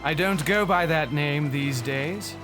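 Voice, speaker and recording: A tyrannical pirate captain, a little high for a man and unhurried in his delivery. He is contemptuous and theatrical, ordering underlings about in a dramatic audio production with music playing loudly behind him. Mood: cold, menacing. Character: bitter, commanding male pirate captain, former banker turned tyrant.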